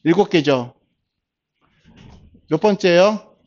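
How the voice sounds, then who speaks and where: Male instructor, 40s, slightly high voice, steady explainer, lo-fi classroom capture. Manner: starts phrases with a drawn-out filler, slow and patient. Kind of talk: classroom lecture. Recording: dull lo-fi lecture recording.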